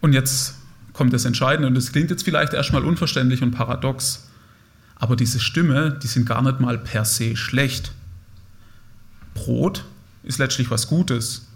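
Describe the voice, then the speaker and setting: A man's voice: mid-range voice, a little slow. A young man giving a conversational, reflective sermon, speaking directly to his listeners. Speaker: preacher.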